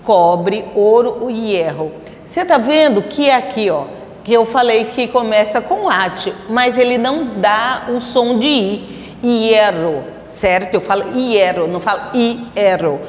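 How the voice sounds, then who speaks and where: Slow, patient woman teaching in an echoey room. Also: on the high side, lively intonation, a little hiss or hum. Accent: Brazilian Portuguese. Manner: explains slowly, asks students rhetorical questions. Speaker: Spanish teacher. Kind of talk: classroom grammar lesson.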